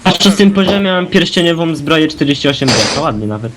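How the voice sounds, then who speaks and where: A man in casual gaming chat, cracking deadpan self-mocking jokes. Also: a little high, fast talker, background noise. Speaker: gamer.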